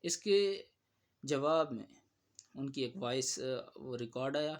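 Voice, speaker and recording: A man giving spoken commentary on a religious dispute in a measured, admonishing tone. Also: mid-range voice, animated.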